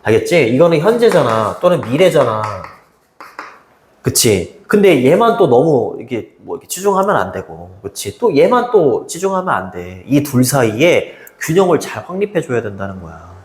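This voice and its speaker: A man teaching an English lesson to high school students in a chatty way, often checking in with them. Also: moderate pace, roomy sound. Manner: lively, chatty, keeps asking students "right?".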